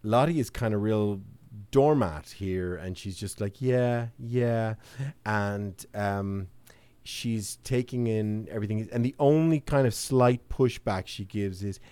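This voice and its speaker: A man's voice: lowish voice, unhurried, darkish tone, clear, resonant tone, no room sound. A man hosting a podcast in casual chat, rambling and self-deprecating, prone to tangents. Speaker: podcast host.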